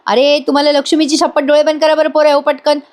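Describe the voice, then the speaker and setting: A woman gives a jolly old grandfather, playful and bossy, who builds up a surprise. His voice sits high. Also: level tone, fast talker, a little mellow, natural voice.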